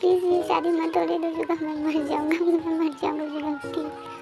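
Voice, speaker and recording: Fan drama: woman doing a grief-stricken young man, very high voice. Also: little pitch movement, moderate pace, over music. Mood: despairing. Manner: sobbing, despairing pleas. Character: heartbroken young man begging to stop a wedding.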